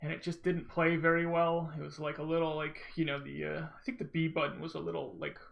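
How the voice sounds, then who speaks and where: Male speedrun commentator, informal and rambling, forceful bright tone with vocal fry. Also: on the high side, little pitch movement, fairly quick. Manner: rambling, informal, self-interrupting storytelling. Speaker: gamer, speedrunner commentating own run. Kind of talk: casual gameplay commentary.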